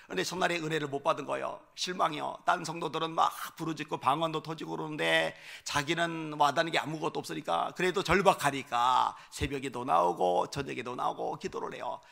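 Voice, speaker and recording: A male pastor preaching a revival sermon, telling a story and rising to fervent, shouted appeals. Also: fairly high pitch, steady tone, fairly quick, vocal fry, few pauses. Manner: storytelling with acted quotes, swelling to fervent shouts. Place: church.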